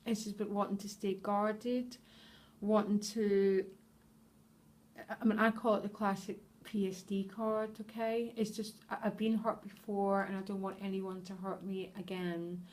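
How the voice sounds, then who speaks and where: A woman reads tarot cards for her viewers in an earnest, heartfelt way. She is openly moved as she speaks and keeps checking in with them as she goes. Her voice sits at an everyday middle pitch. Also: little pitch movement, measured pace, darkish tone. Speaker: tarot reader. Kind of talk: tarot reading addressed to viewers.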